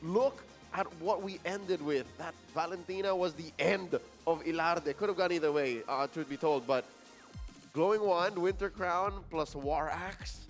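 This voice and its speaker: Esports caster, male, high-pitched and animated, exclamatory live play-by-play with light music behind. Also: measured pace.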